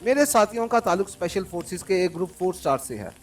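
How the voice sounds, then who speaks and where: A man reading an audiobook, voicing a calm, coldly commanding male secret agent, recorded from a distance over faint music. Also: high voice, fast talker. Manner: calm and cold, mocking laughter.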